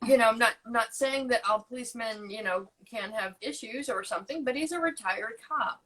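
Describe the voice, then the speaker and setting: A woman's voice: fairly high pitch, a bit bright, distant mic, poor audio. Earnest American woman, a bit off-mic. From United States. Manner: earnest, sympathetic, halting with fillers. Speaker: co-host. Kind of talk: casual live chat, reading a message aloud.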